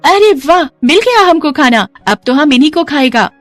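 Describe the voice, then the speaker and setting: A woman's voice: high-pitched, sing-song, moderate pace, dry recording, faint music behind, voice pushed up. Woman doing a wide-eyed foreign bride in broken Hindi. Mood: naive. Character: naive foreign young bride, childlike.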